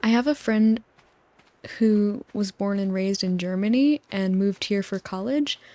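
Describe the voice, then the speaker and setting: Brief: young woman, soft-spoken ASMR host, mellow low-key tone, drifts into whispers. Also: unhurried, no room sound. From United States. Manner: gentle, rambling, with whispered asides and soft laughs. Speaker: gaming channel host. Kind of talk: soft-spoken ASMR rambling over gameplay. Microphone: close microphone, spoken softly.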